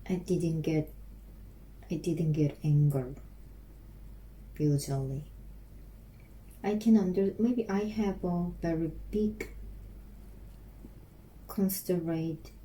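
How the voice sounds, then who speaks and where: Slow, halting woman with a Korean accent. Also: sits low, dark tone. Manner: slow, repeats phrases over and over, halting with restarts. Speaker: English learner practicing aloud. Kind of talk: self-recorded English speaking practice.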